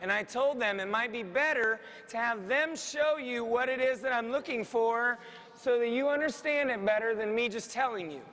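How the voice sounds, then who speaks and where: A man's voice: very high-pitched, normal speed, bright, forceful tone. A man teaching a drum class, giving firm, direct instructions and joking with his students in a school music room. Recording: reverberant room, faint noise.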